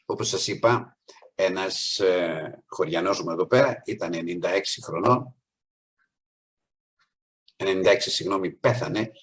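A man's voice: low voice, long pauses, a bit bright, breathy edge. A man preaching a sermon, earnest, rising on key points and acting out the people in his stories.

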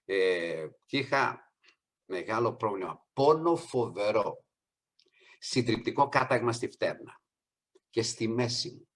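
A middle-aged man preaching a sermon, addressing the congregation as brothers and sisters, with soft asides and raised, emphatic peaks. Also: on the low side, animated, long pauses.

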